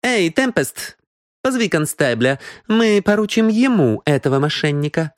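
A man voicing a sharp young actress who accuses a card cheat, in a shrill, accusing voice. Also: sing-song, normal speed, no echo, studio quality.

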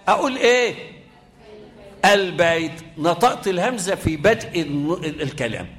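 High-voiced Egyptian Quran teacher quizzing. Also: male voice, a bit bright. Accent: Egyptian Arabic. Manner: quizzing students, chanting Quran examples slowly. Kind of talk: lively tajweed lesson with students.

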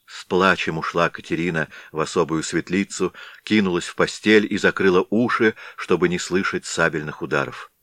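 A man tells a classic tale in a measured, dramatic storytelling voice. His pitch sits very low and deep, and the studio recording is close and dry, with no room sound. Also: a bit bright, no room sound. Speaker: audiobook narrator. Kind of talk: scripted narration of a classic tale.

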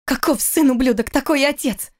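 A woman reading the part of a hurt young pregnant wife with a bitter, quietly sad manner. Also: medium pitch, little pitch movement, brisk, natural voice. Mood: angry.

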